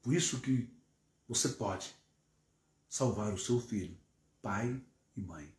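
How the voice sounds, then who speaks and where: A man's voice: fairly low pitch, takes it slowly, a little mellow, echoey room. A man with a Brazilian Portuguese accent preaching a sermon, emphatic and stacking long repetitive lists.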